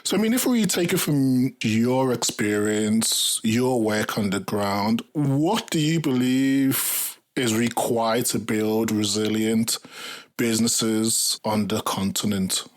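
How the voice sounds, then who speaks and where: A woman hosts a podcast interview with an extremely deep, low voice. She keeps her questions brief and encouraging. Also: slow pace. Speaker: podcast host.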